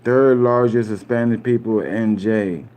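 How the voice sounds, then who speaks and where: Unhurried and a little mellow, this Puerto Rican streamer speaks in a lowish voice with fairly even intonation. He rambles casually to his live audience in street slang, repeating himself and slipping in "you feel me."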